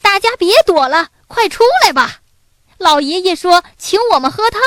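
A woman doing an excited little boy. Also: extremely high pitch, a little slow, no room sound, pitched above the performer's own voice. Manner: shouting eagerly. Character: young small boy, eager and excited.

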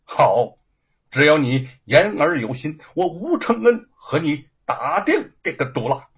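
Earnest defiant scholar, husky and lively, as a storyteller puts him on. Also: male voice, mid-range voice, measured pace, full character voice. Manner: impassioned, pleading. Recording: dull lo-fi recording.

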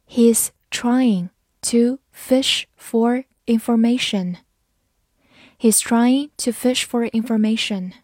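Slow, dry-voiced woman teaching English words. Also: fairly high pitch, warm tone, no room sound. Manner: spells words letter by letter and reads example sentences slowly. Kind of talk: vocabulary lesson.

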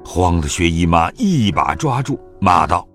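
A man narrating a classic story in an audio drama with a lively storytelling manner. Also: deep voice, unhurried, faint music behind.

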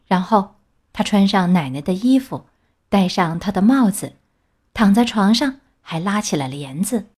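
A woman reading a children's fairy tale aloud in a gentle, expressive storytelling manner. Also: medium pitch, measured pace, husky.

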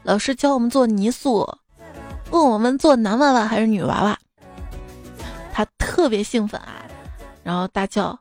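A young woman hosting a radio comedy show, reading out listeners' funny stories in a lively, giggly way with playful comments. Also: fairly high pitch, normal speed, pauses often, faint music behind. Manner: lively, giggly storytelling with frequent laughter.

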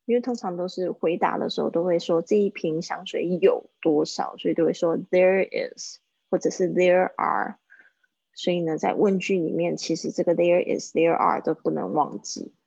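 A woman teaching English phrases in a live-streamed lesson, chatting and slowly repeating phrases for practice. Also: on the low side, steady tone, creaky, darkish tone, slightly rough, no room sound, highs cut off.

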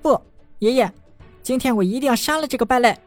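A proud young sorceress who is beside herself with rage, her voice pushed high and shrill, as a male narrator puts her on. She hurls threats in quick, seething bursts, a storybook heroine with a fierce temper. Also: soft background music. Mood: furious. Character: proud furious young female genius mage.

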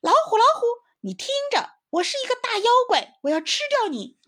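A woman voicing a small, clever young squirrel in a children's storybook, with a high, excited, pleading voice. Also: moderate pace. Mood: booming threat.

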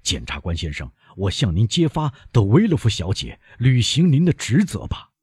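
Reading an audiobook, a man plays a stern older doctor, a relentless accuser pressing his case coldly and deliberately. The exaggerated delivery is deep, husky and rough with a darkish tone and huge, sharp pitch swings, and the recording sounds dry and close.

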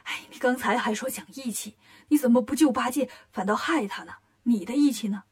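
Woman doing a soft pleading monk. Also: on the high side, moderate pace, breathy edge. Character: Tang Seng, gentle worried old male monk.

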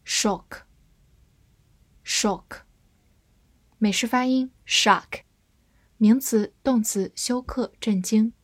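Slow, precise woman vocabulary teacher. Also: a little high, steady tone, warm tone, no room sound. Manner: explains in Chinese, reads English words slowly and clearly. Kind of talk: scripted vocabulary lesson.

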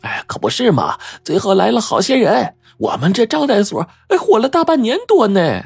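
A gabby middle-aged village landlady who cannot stop exclaiming, as a male narrator puts her on. The voice leaps up high and swoops wildly, with a husky edge, on a close, dry recording. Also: big pitch swings, normal speed, no echo, full character voice. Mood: excited. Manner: gabby, exclaiming, full of fillers. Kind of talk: audiobook character voice.

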